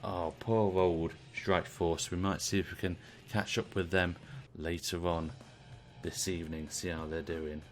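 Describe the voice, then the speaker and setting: A British man giving casual play-by-play commentary on a video game wrestling stream, chatty and relaxed. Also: sits low, unhurried, soft background music. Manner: chatty, relaxed, asks the audience.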